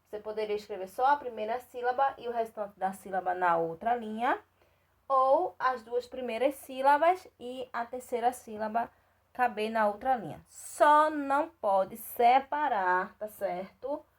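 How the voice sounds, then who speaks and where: Patient Brazilian woman teaching young kids. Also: on the high side. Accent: Brazilian Portuguese. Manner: patient, repeats and checks in with "tá certo?"; spells out syllables slowly and clearly. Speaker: primary school teacher. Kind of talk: recorded remote lesson for young children.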